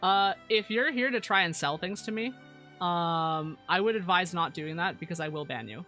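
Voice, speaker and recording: A woman's voice: lowish voice, moderate pace, bright, forceful tone, soft background music. A woman live streamer chatting casually over a game and reading out viewer comments, in a cute anime-streamer manner with slangy, stammering rambles. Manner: stammering, repeats words.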